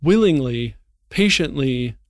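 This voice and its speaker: A man reading a storybook passage aloud in an earnest, expressive way, then reflecting on it in a Bible discussion. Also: medium pitch, slow, dry recording, clean studio sound.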